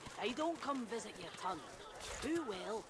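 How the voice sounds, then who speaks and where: A man's voice: high-pitched, lively intonation, normal speed, very noisy. An actor playing a haughty fantasy townsman trading old-fashioned market banter in a theatrical renaissance-faire manner. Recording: loud music over the voice.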